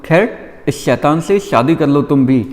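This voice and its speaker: A hot-tempered old father blusters and barks orders in a loud, raised voice as a male teacher puts him on. He is quick to shout and quick to boss people around. The voice echoes with a long reverb. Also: fairly high pitch, animated. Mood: gruff bossy.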